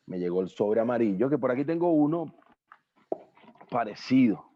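A young adult Venezuelan man, with a Venezuelan Spanish accent, tells stories as a guest in a casual interview, animated and slangy as he acts out the voices of people in them. His voice is medium-pitched at a moderate pace, and the recording sounds muffled.

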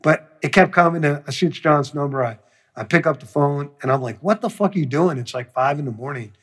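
Male producer, husky voice, profane storyteller who acts out the quotes. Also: fairly high pitch, a little fast, fairly bright tone. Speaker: music producer. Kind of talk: storytelling interview.

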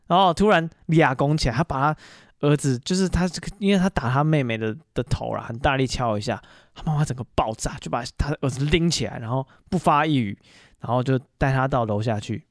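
A man hosting a podcast, casually telling stories alone and pausing on fillers as he goes. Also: medium pitch, dry recording, clean studio sound. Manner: chatty, animated retelling full of fillers. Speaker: podcast host. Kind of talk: casual solo storytelling monologue.

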